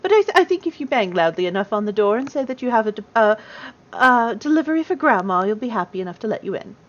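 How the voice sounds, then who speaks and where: A proper, stubborn grandmother gnome of great age, put on by a woman, speaking with old-fashioned courtesy. Her voice rises and falls in a lively way. The recording sounds dull and lo-fi. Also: on the high side, fast talker, voice pushed up. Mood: sweet. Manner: genteel, old-fashioned, calls people dearie. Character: ancient prim grandmother gnome, polite and stubborn.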